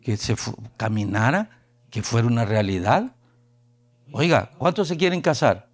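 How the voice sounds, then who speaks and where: A man's voice: mid-range voice, a little slow, faint music behind. A man from Honduras with a Honduran Spanish accent, preaching a storytelling sermon at a youth camp and acting out the people he quotes. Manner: animated, acts out quoted voices.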